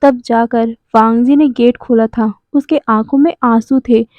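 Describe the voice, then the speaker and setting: High-voiced woman narrating fan fiction. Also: fairly even intonation, a little slow, no echo, lo-fi sound. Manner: chatty, explaining tone. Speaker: storyteller.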